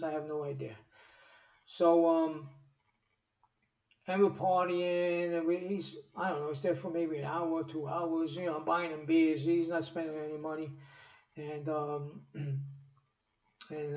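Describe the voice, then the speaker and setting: A man's voice: fairly high pitch, darkish tone. A man tells a story in a loose, rambling way, swearing often and stopping to restart his sentences. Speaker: storyteller vlogger. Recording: echoey, distant, dull home recording.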